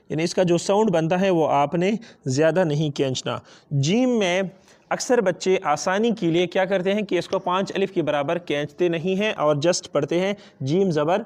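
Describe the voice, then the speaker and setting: A man's voice: fairly high pitch, a little mellow. A man with a Pakistani accent teaching Quran reading step by step, patiently asking and answering his own questions and stretching out letter sounds. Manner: switches between two languages. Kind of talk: step-by-step lesson.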